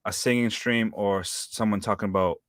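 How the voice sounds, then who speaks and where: Man, 30s, very deep voice, dry close sound, rambling casual co-host talk. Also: steady tone, fairly quick, a bit bright, dry recording. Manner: rambling, hesitant, many fillers. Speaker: live-stream co-host. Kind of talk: casual chat.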